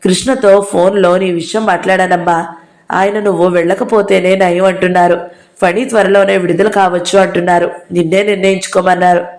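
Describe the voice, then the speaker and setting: A woman voicing a kindly middle-aged male lawyer in a storybook reading, calm and firm. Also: on the low side, fairly quick, natural voice. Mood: advising.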